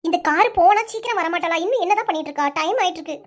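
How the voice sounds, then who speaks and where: An impatient young woman in a cartoon teases and hurries her friend in a very high, squeaky voice, as a woman puts her on. She has a Kanyakumari Tamil accent and a sharp, mocking way of talking. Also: very fast. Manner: teasing, impatient.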